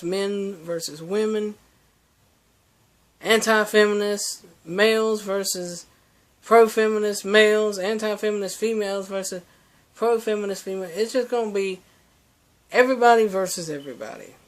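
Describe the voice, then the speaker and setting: A man's voice: sits high, normal speed, fairly bright tone. A young man delivering a preachy, ranting opinion monologue, full of restarts and fillers. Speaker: vlogger.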